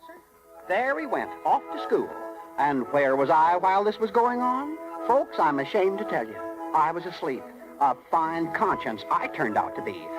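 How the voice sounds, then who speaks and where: High-voiced folksy little cricket. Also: male voice, low-quality recording. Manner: folksy, confiding storyteller. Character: small folksy cricket conscience, chatty, earnest, protective. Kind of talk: 1930s radio drama narration. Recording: vintage radio broadcast with music.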